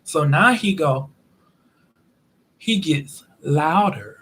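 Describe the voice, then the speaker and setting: Husky man telling a funny story. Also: fairly high pitch, extremely slow, rough recording. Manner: animated, swinging between quiet asides and loud bursts. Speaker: storyteller vlogger. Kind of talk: comedic storytelling.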